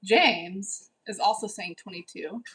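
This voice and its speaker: A woman in her forties hosts a casual livestream and reads out her viewers' comments. Her voice is husky and sits at an ordinary pitch. She teases them and firmly scolds anyone who gets out of line. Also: a little slow, fairly bright tone, low-quality recording. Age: 40s. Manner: teasing, bossy, scolds viewers. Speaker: livestream host. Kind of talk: casual live chat reading.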